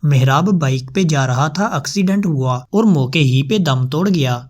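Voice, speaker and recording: A man's voice: on the high side, lively intonation. A man narrating an emotional love story as a storyteller, in a melodramatic, sorrowful manner.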